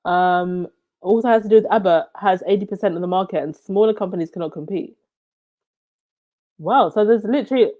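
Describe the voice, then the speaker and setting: A woman's voice: mid-range voice, dark tone, muffled recording. A woman from Zambia with a stuffy, runny nose, hosting a casual livestream chat and reacting to viewer comments. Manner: chatty, reacts with quick laughs and "wow".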